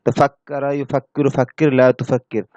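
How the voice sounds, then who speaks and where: A man's voice: mid-range voice, level tone, mellow, no room sound. A man teaching an Arabic grammar lesson, rattling through verb conjugations and correcting himself as he goes. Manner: rapid drilling of verb conjugations, self-correcting. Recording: dull, lo-fi, dry.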